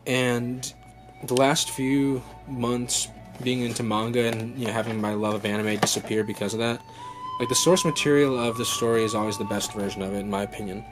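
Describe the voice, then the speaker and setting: A young adult man hosts an unboxing vlog, chatting casually and without a script, rambling like an eager fan and frequently correcting himself. His medium-pitched voice stays fairly even and runs a bit fast, and the rough recording has music playing behind him.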